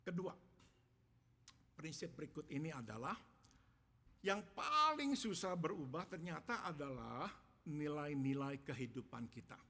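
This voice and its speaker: A male pastor delivering a sermon in measured, emphatic phrases, repeating each point in English after saying it. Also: on the high side, very animated, pushed and bright. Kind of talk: bilingual sermon with self-interpretation. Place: church. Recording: long church reverb.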